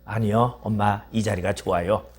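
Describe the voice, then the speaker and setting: A man's voice: lowish voice, steady tone, moderate pace, breathy edge. A man doing a whiny, frightened baby eagle. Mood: pleading. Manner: whiny, pleading. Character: small frightened baby eagle begging its mother.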